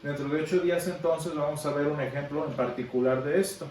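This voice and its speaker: A man with a fairly high voice teaches a Sunday school Bible class, explaining step by step and checking in with his listeners. He is recorded from a distance in a very echoey room, with faint background noise. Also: steady tone, fairly quick, a little mellow. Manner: explanatory, asks the class questions.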